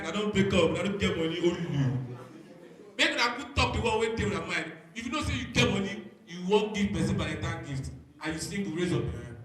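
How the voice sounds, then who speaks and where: Male Nigerian comedy host, bright forceful voice, teasing crowd work, heard in a very echoey venue. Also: high voice. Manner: teasing, calling out to the audience. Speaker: stand-up comedian and show host. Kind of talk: crowd-work stand-up comedy, mixing English and Pidgin. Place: live comedy venue with an audience. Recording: echoey venue, distant stage sound.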